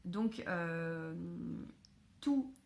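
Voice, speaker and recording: A woman chatting casually to camera at home about books she was given, filling pauses with hesitations. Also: lowish voice, animated, a little mellow. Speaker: book vlogger. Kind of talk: casual book haul chat.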